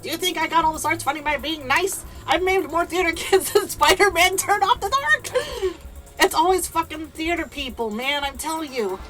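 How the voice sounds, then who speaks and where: A woman's voice: extremely high pitch, moderate pace, a bit bright, soft background music, voice pushed up, poor audio. A woman voicing a jaded, scheming theater boss in a video game, griping in a grandiose way. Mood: indignant griping.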